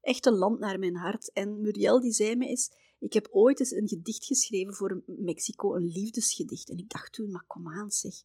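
A middle-aged Flemish woman from Belgium hosting a podcast, telling personal travel stories in a chatty way, often dropping to a soft near-whisper. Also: mid-range voice, moderate pace, hardly any pauses, breathy edge, dry recording, studio quality. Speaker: podcast host.

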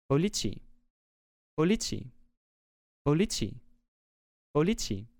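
A man voicing an eerie thing that mimics a mother's voice, repeating words like a parrot, pitched a bit higher. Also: sing-song, takes it slowly, gravelly, darkish tone, no room sound, clean studio sound, full character voice.

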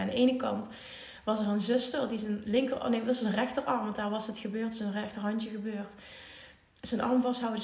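Gravelly-voiced Dutch woman in an echoey room. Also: medium pitch. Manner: emotional, animated retelling with quoted voices. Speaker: mother telling a family story. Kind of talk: casual storytelling.

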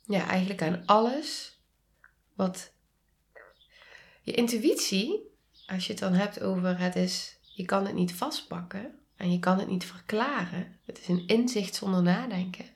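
A Dutch-accented woman gives a reflective solo podcast talk. She speaks very slowly and calmly in a soft, mid-pitched voice. Her words often trail off into hushed whispers. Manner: slow, calm, soft-spoken, drops to whispers. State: sneezing. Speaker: podcast host and coach.

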